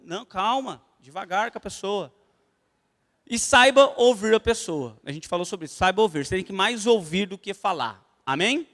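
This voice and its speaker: Brief: Brazilian man leading a church class, strikingly high voice, lively storyteller, long church-hall reverb. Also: moderate pace. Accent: Brazilian Portuguese. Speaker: church evangelism teacher.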